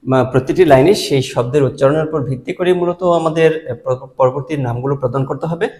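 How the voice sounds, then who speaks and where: A man's voice: mid-range voice, fast talker, a little mellow, big-room sound. A man with a Bangladeshi Bengali accent teaching a recorded lecture, explaining step by step and answering his own questions.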